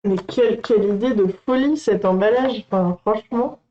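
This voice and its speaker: A woman hosting a coloring channel, gushing and excitable as she unboxes on a casual livestream and chats to her viewers. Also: mid-range voice, normal speed, muffled recording.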